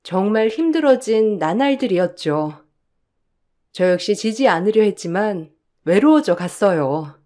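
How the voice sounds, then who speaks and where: A woman narrating a listener's story in a soft, confiding way, as the channel's reader. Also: mid-range voice, big pitch swings, measured pace.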